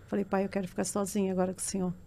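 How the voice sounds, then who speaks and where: A woman's voice: mid-range voice, monotone, very fast, gravelly, dark tone, slight background noise. A middle-aged woman, giving an earnest and emotional personal testimony as a podcast guest. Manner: earnest, emotional storytelling that swells into tearful intensity.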